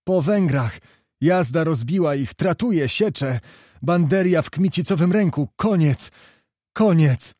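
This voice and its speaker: Man putting on a small hot-blooded knight, high excited shouts, loud, warm dark tone. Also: measured pace, no room sound, studio quality. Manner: excited, breathless calling out. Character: small fiery male knight shouting battle reports.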